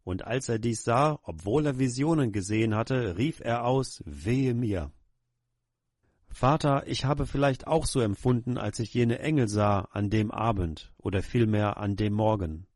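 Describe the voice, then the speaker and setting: A man's voice: mid-range voice, moderate pace, hardly any pauses, a little mellow, no echo. Middle-aged male preacher, earnest pleading prayer, plain mid voice, dry close mic. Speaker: pastor. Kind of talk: sermon prayer.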